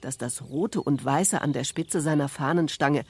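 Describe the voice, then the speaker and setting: A woman reading quotes and a children's story with expressive storytelling. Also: deep voice, unhurried, breathy edge. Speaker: reader.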